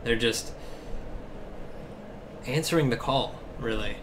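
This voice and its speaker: A man's voice: medium pitch, slow pace, noisy background. A man narrating a tabletop game as game master, loose and profane, laughing often as he describes the action.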